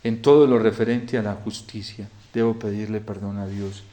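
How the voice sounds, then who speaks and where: A male priest preaching a homily in a storytelling manner, often falling to a quiet hush. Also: on the low side, fairly even intonation, normal speed. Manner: storytelling, drops to a soft hush in quoted lines.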